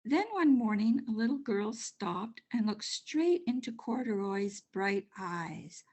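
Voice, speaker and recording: An older woman narrating a children's storybook aloud in an expressive, measured way. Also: mid-range voice. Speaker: storybook reader.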